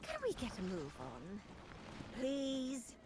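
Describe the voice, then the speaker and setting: A woman's voice: fairly high pitch, wildly swooping pitch, slow pace, noisy background, heavily acted. A woman acting a bratty, impatient young pyromaniac in a video game, petulant, whiny and menacingly playful. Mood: bored, petulant.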